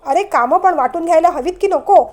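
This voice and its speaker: A woman voicing a calm, thoughtful young man reassuring his bride. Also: very high-pitched, fairly quick, pitched above the performer's own voice.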